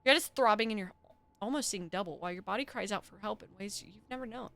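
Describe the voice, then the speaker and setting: Speaking fast in a mid-range, creaky and slightly bright voice, this young streamer gives game narration dramatic flair. Between lines she chats with her audience, with faint music playing.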